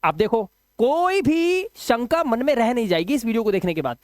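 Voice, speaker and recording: A male English teacher with a very high, animated voice talks at normal speed through a spoken video lesson. He asks students questions, answers them himself, and drags out each letter sound as he spells, with no echo in the recording.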